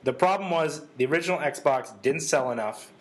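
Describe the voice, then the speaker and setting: A man's voice: on the high side, moderate pace. A man co-hosting a casual gaming chat show, talking at length with a sarcastic, lecturing manner. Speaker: podcast co-host.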